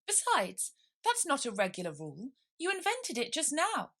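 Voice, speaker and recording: A woman's voice: high-pitched, wildly swooping pitch, moderate pace, a bit bright, voice pushed up, exaggerated voice. A woman voicing a bold, indignant young storybook girl who argues back in a defiant, matter-of-fact way.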